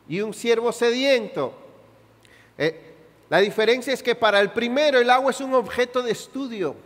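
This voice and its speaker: A man preaching a sermon as pastor, with a Chilean Spanish accent, asking his congregation questions and rising to sudden shouted peaks on slow, stressed words, in a reverberant church hall. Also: very high-pitched.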